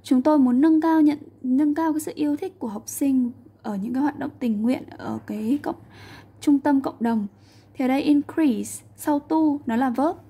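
A woman's voice: high-pitched, moderate pace, warm tone. A woman English teacher patiently explaining a textbook lesson, repeating and translating each sentence.

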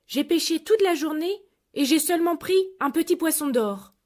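A woman's voice: high-pitched, lively intonation, normal speed, a little mellow, voice pushed up. A woman voicing a poor, meek old fisherman who obeys his wife.

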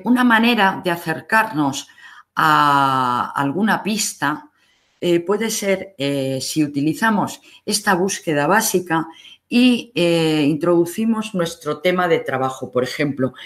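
A library instructor with a Spain accent leads a recorded online lesson. The delivery is slow and unhurried. Each step of the screen demonstration is explained patiently. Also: medium pitch, a bit bright.

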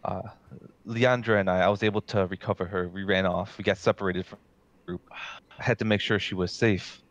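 Deep man on a dull lo-fi mic. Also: fairly even intonation, brisk. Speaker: player. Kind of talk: in-character storytelling.

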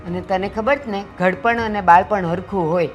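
A woman's voice: mid-range voice, normal speed, muffled recording, faint music behind, natural voice. An actress playing an elderly village mother, who scolds and complains with rising anger in a film drama. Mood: aggrieved. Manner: scolding, aggrieved, rising to shouts. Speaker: mother-in-law.

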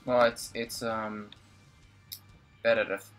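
A man's voice: fairly low pitch, level tone, slow pace, music in the background. Laid-back man chatting over gameplay. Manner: laid-back, explains strategy. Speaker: gaming channel host. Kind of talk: casual gameplay chat.

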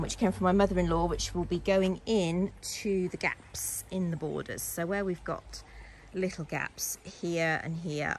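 Walking around a garden outdoors, an English woman who vlogs about gardening chats casually as she gives viewers a tour. Her voice is fairly low and a little mellow. The handheld phone or camera, held behind the lens, gives poor audio with slight background noise.

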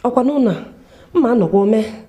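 Woman acting mellow Nigerian village wife. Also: on the high side, lively intonation, moderate pace, natural voice. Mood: wry warning.

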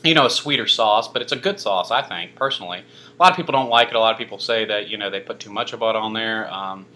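In a laid-back food review vlog, a young man tries a pizza on camera, speaking fast in a fairly low voice that sounds bright and forceful. His commentary wanders, packed with fillers and wry self-deprecating remarks.

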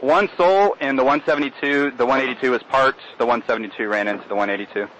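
A man's voice: mid-range voice, quick pace, a bit bright. A man, an airport operations officer, reporting to ground control over aviation radio. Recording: dull, faintly noisy radio transmission.

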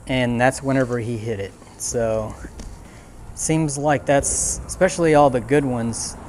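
A man's voice: mid-range voice, fairly even intonation, unhurried, a little mellow, a little hiss or hum. A young man giving casual commentary from a small boat outdoors, thinking aloud with many fillers. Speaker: fishing vlogger. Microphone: action camera on the boat.

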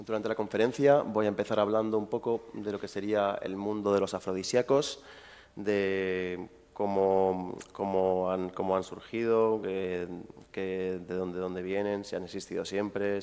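A man's voice: sits low, flat delivery, moderate pace, darkish tone, clean tone. A man giving a public lecture to a live audience, chatty and informal, with asides to the people in the room. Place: university lecture hall with audience. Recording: long hall reverb.

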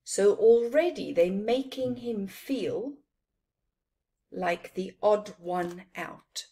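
Storytime comes from a middle-aged South African woman, Afrikaans her first language, reading to children with deliberate, emphatic pacing and teacherly side remarks. Her medium-pitched voice is mellow, and she's recording in a small, plain room at home.

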